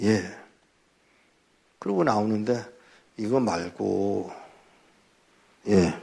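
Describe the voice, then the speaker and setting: An older male pastor giving a testimony sermon, telling his story in an animated way and acting out the dialogue. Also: fairly low pitch, drawn-out words, creaky, husky.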